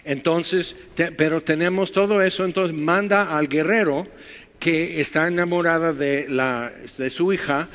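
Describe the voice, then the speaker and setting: Mexican pastor, fairly high voice, sermon in a reverberant church, slightly muffled audio. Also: male voice, measured pace, a bit bright. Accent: Mexican Spanish. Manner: conversational, rhetorical questions, wry asides. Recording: muffled with long hall reverb.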